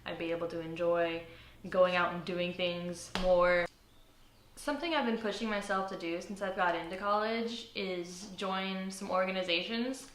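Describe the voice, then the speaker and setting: A young college woman speaks in an interview, hesitant and self-conscious, filling gaps with little nervous laughs. Her voice sits a bit low for a woman. The recording rings with room echo over a faint ambient hum. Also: steady tone, normal speed. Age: young adult. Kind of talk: personal interview.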